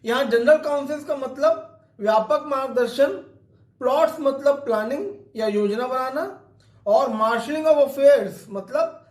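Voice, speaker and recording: Male literature lecturer, very high voice, slow deliberate readings, echoey room. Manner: reads English quotations slowly, then explains them in Hindi. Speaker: English literature teacher. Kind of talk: line-by-line lecture explanation.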